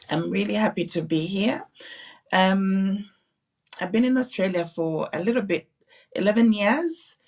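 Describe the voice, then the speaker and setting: Earnest woman from Uganda, a bit distant. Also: fairly low pitch. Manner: earnest, with restarts and repeats. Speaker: guest, nurse and business owner. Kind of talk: telling her story in an interview. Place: online live broadcast.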